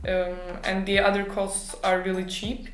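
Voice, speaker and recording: A woman's voice: medium pitch, completely flat delivery, normal speed. Young Turkish-accented woman in an echoey room. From Turkey. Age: young adult. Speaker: international student being interviewed. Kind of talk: informative interview answers. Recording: roomy echo, music behind.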